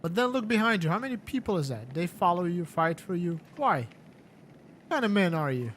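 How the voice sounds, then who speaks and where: A man's voice: high-pitched, big pitch swings, fairly quick, fairly bright tone, slight background noise. A man voicing a sly, mocking male warlord in a story-driven game, speaking in a theatrical manner.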